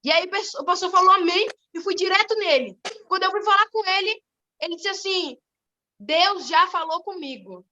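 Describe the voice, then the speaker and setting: Bright, high-voiced teenage girl testifying. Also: lo-fi sound. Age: teens. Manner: animated, fast-moving storytelling. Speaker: testimony giver. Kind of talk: church testimony.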